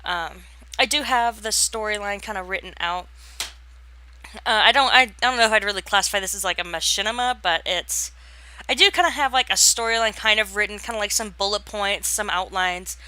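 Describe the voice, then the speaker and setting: A woman's voice: medium pitch, a little fast, bright, forceful tone. A young woman giving casual, rambling voice-over commentary on a game build, full of fillers and restarts. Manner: yawns and laughs while talking. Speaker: gaming channel host.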